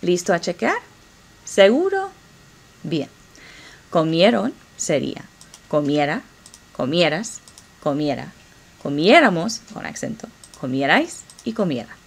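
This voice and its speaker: A woman Spanish teacher, slowly drilling verb forms and encouraging students. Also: on the low side, very animated, vocal fry, breathy edge. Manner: slow, encouraging drill pace with pauses. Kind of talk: classroom grammar lesson.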